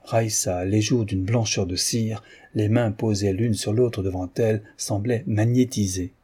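A man reading a novel aloud as an audiobook narrator, in measured, even storytelling. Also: fairly low pitch, husky. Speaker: audiobook reader.

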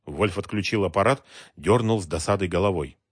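A man reading a crime novel aloud in measured scripted narration. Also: sits low, husky, no echo, clean studio sound. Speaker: audiobook narrator.

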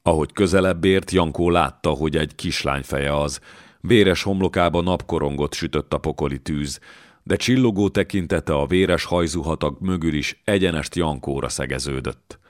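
A man reading a historical novel aloud as an audiobook narrator, measured and steady. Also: very deep voice, no room sound, clean studio sound. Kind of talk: scripted narration.

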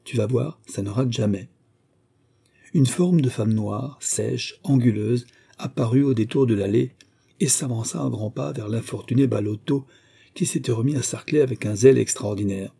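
A man reading a novel aloud in a measured, even narration. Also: medium pitch, gravelly, breathy edge. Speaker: audiobook reader.

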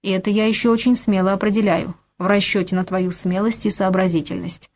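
A woman voicing a brisk middle-aged man, a scheming financier who lectures crisply and commands. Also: mid-range voice, steady tone, darkish tone, lightly acted. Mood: lecturing. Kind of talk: audiobook character voice.

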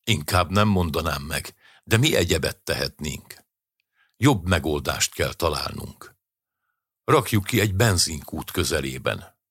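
A man's voice: rumbling low, expressive, a bit bright, slightly rough, no echo, clean studio sound, heavily acted. A man voicing an impatient, callous car thief riding in the passenger seat, in a storybook reading. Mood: scheming. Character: grown man, scheming car thief accomplice.

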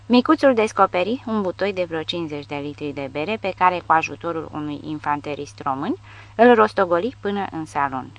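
A woman reading an audiobook with lively storytelling. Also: fairly low pitch. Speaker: audiobook narrator. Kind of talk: audiobook narration.

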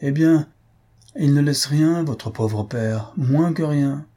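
A male audiobook narrator pushes his voice well up to play a stern, practical middle-aged aunt who lectures bluntly. His voice is fairly high, slow, and dark in tone, and the aunt sounds scolding, firm, and cutting.

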